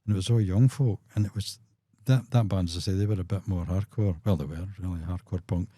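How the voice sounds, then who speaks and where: A man's voice: deep voice, brisk, mellow, no room sound, clean studio sound. A Glaswegian man in his sixties, a musician guest on a podcast, telling road stories with chuckles and acted-out quotes. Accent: Scottish, Glaswegian. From Scotland. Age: 60s. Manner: chuckling raconteur, acts out quotes. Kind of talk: anecdotal storytelling in a podcast.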